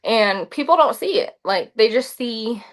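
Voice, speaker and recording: A young adult woman telling stories casually, lively and saying "like" often. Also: a little high, measured pace. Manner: animated, says "like" often, acts out quotes. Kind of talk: casual storytelling.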